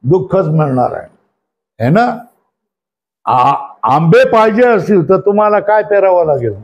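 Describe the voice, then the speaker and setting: High-voiced man teaching, quizzing listeners. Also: expressive, measured pace, dull audio. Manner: asks the listeners questions again and again. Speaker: spiritual teacher. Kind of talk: religious discourse.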